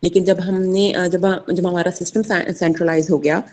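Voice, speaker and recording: A young woman giving a class presentation, halting with many fillers as she mixes two languages. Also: on the low side, flat delivery, darkish tone. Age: young adult. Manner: hesitant, many fillers, mixes Hindi-Urdu and English. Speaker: student presenter.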